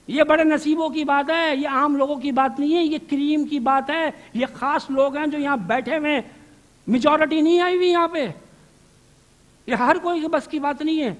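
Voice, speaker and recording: A man's voice: very high voice, a bit bright. A man giving a religious lecture to a seated audience. He asks rhetorical questions and answers them himself, and drops English words into his speech. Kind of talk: Islamic lecture to a live audience.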